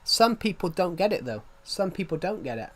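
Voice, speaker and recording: A man in his twenties rambles through casual chat on a livestream, saying every phrase twice before moving on. His voice is high and fairly quick, with big swings in pitch.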